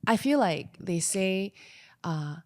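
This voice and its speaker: A woman's voice: mid-range voice, lively intonation, slow, dry recording, clean studio sound. A woman hosting a podcast interview, reacting eagerly with lots of short responses and questions. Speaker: podcast host. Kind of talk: casual interview chat.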